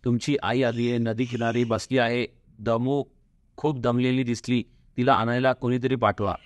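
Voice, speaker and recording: A man's voice: medium pitch, flat delivery, moderate pace, dry recording, lightly acted. A man voicing a young palace maid who speaks anxiously and dutifully. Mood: earnest. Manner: questioning, anxious.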